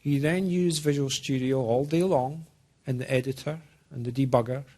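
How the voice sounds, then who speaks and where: Speaking at a middling pitch with a darkish tone, a man from Scotland with a mixed Scottish-American accent walks a small group through technical material informally, as a program manager. He is deliberate, somewhat halting, and invites interaction.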